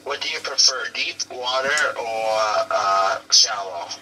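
A man's voice: medium pitch, slow pace, pushed and bright. A man calling in over a phone speaker, asking short, hesitant questions of a fellow angler. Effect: heard over a phone speaker. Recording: tinny speakerphone from far off, faint noise.

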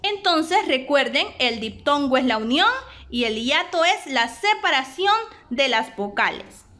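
A woman with a Honduran Spanish accent, giving a recorded grammar lesson and spelling out syllables deliberately. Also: sits high, sing-song, sharp tone. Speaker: teacher.

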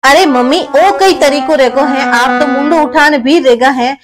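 Woman playing a loud entitled Marwari son. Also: high voice, moderate pace, music in the background, close to an everyday voice. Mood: complaining. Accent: Rajasthani Marwari. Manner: complaining, loud.

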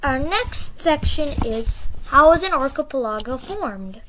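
A woman's voice: high voice, expressive, unhurried, a bit bright, a little hiss or hum. A woman hosting her own educational channel, explaining a topic in a chatty, encouraging way and repeating key words for emphasis. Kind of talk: casual explainer.

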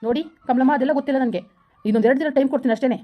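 Someone playing a bossy gang boss husband, snaps at his wife, fast and high-ish. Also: lightly acted. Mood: scolding. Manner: scolding, impatient, threatening. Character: stern, bullying male gang boss husband. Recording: muffled lo-fi recording.

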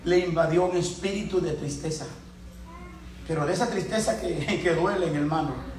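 A man preaching a sermon as pastor, shouting and laughing in bursts between quieter storytelling. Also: on the high side, moderate pace. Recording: echoey room from a distance.

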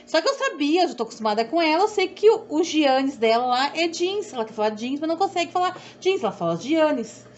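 A woman's voice: high-pitched, sing-song, fast, few pauses. A middle-aged woman with a southern Brazilian accent, rambling and repeating herself in a chatty sewing tutorial. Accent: southern Brazilian Portuguese. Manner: rambling, repetitive, self-deprecating. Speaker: sewing instructor. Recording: dull audio with faint background hum.

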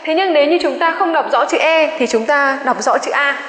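A woman's voice: high voice, brisk, a bit bright. A woman teacher giving a pronunciation lecture, saying each example word twice and checking with students through polite questions. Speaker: English teacher. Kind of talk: exam-prep pronunciation lecture. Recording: echoey room with long reverb.

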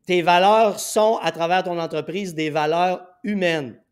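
A man's voice: high voice, unhurried, clear, resonant tone. A man with a Québécois accent hosting a podcast, chatty and enthusiastic, telling anecdotes with frequent fillers. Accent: Québécois French. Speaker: podcast host. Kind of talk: casual podcast interview.

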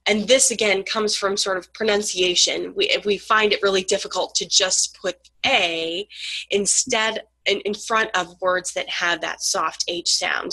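A woman's voice: mid-range voice, sharp tone, no room sound, low-quality recording. A woman lecturing on grammar, explaining patiently with frequent ums and sounding out letters.

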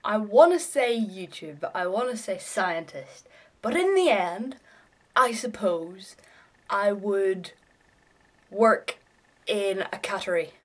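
This is an informal vlog from a young woman in her little bedroom, her medium-pitched voice expressive and slow. She addresses the camera in a sweary, offhand and irreverent style.

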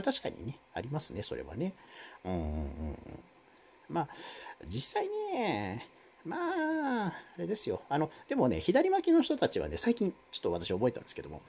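Husky man rambling on a live stream. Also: mellow. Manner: rambling, many fillers, wide swings in pitch. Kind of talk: casual live-stream chat reading comments.

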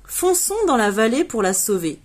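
Husky woman reading a children's storybook. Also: a little high, normal speed. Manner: lively, puts on bright voices for the children in the story. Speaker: reader of a children's book.

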